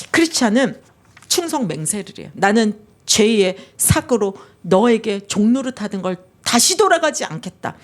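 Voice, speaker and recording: A woman, a pastor's wife, preaching a sermon in an animated storytelling way and asking her listeners questions. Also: a little high. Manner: animated storytelling with quoted dialogue.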